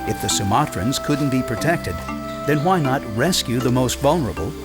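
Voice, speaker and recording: A man reading scripted nature documentary narration in a measured, dramatic storytelling way. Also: mid-range voice, expressive. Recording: loud music under the voice.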